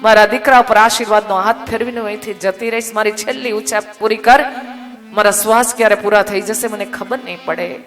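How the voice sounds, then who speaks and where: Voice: medium pitch, steady tone, brisk, a bit bright, close to an everyday voice. A storyteller voicing a devout old widowed mother who prays to see her son again, in an echoey hall with faint music behind. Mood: pleading. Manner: pleading prayer.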